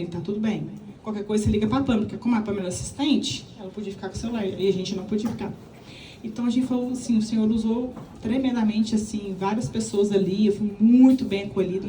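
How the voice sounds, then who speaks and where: A woman from Minas Gerais, Brazil, with a Minas Gerais accent, telling her personal testimony to a live audience in an animated, chatty way and acting out the dialogue. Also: a little high, echoey room, distant mic, slight background noise, low-quality recording. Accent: Minas Gerais Brazilian Portuguese. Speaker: speaker giving a church testimony.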